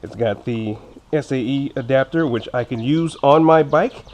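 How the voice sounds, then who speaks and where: A man's voice: medium pitch, normal speed, darkish tone, muffled recording. A man speaking with braces on, giving a chatty, jokey, informal unboxing review as a vlogger. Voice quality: slightly impeded speech from wearing braces. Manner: jokey, informal, chatty, self-teasing asides. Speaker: motorcycle vlogger reviewing gear. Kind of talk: casual unboxing review chat. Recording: clear background noise with clicks.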